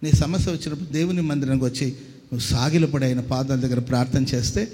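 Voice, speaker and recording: A man's voice: mid-range voice, fast, dark tone, big-room sound. A male pastor preaching a sermon, emphatic, calling on the congregation to respond and mixing in English words.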